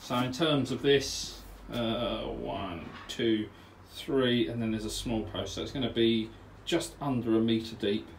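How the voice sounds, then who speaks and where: A man chats through his DIY work in a cramped garage, rambling and matter-of-fact, full of "uh, yeah" fillers. The mic sits some way from him, so his voice sounds distant. A steady air conditioning hum and passing traffic run underneath. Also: medium pitch, measured pace, hardly any pauses, echoey room. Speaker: DIY pond vlogger. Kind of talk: casual DIY walkthrough chat. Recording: distant mic with background noise.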